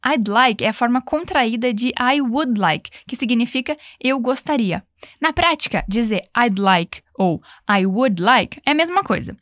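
Brazilian woman teaching English, slow repetitions. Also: fairly high pitch, animated, fairly bright tone, no echo, clean studio sound. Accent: Brazilian Portuguese. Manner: patient, repeats phrases slowly for practice. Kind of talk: language lesson.

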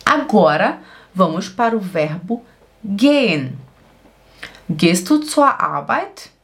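A woman teaching German in Brazilian Portuguese, slowly and patiently repeating each phrase. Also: medium pitch, sing-song, a bit bright. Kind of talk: language lesson.

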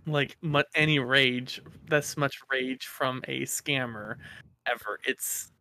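A man co-hosting a casual chat, telling a story in an animated, excitable way. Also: mid-range voice, slow pace, a little hiss or hum.

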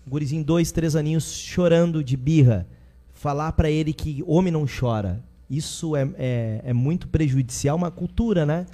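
A man's voice: a little high, moderate pace, warm tone. A man with a Southern Brazilian accent, co-hosting a casual talk show, asking hesitant questions and joking. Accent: Southern Brazilian (Rio Grande do Sul).

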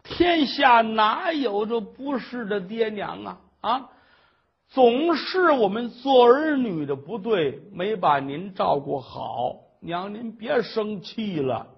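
A man voicing a meek, tearful young daughter-in-law who speaks softly and humbly. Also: extremely high pitch, sing-song, slow, breathy edge, dull audio, voice pushed up, heavily acted. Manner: soft, humble and polite.

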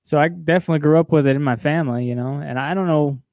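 A man's voice: on the high side, very fast, no room sound, highs cut off. A man hosting a podcast, talking in a casual, conversational style. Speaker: podcast host. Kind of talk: casual chat.

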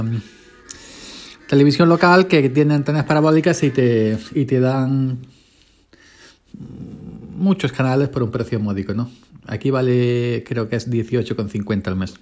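Chatty farmhand podcaster. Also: male voice, medium pitch, a little mellow. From Spain. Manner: chatty, eats while talking. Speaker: podcast host, farm day laborer. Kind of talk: casual rambling podcast monologue.

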